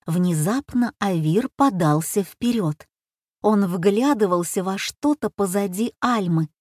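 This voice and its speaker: A woman's voice: medium pitch, expressive, slow pace, no echo. Woman narrating an audiobook, dry sound.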